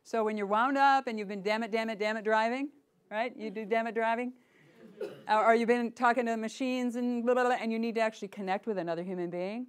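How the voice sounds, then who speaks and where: A woman's voice: fairly high pitch, fast talker, clean tone. Playful woman leading a voice workshop. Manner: lively, playful, demonstrates voices, asks the group questions. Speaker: voice workshop teacher. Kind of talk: workshop teaching.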